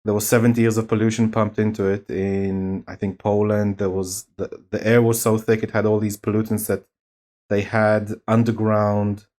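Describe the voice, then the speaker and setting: A man with a fairly low voice lays out an argument in an informal debate. His delivery is deliberate and halting, pausing as he builds each step of his explanation. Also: flat delivery, darkish tone.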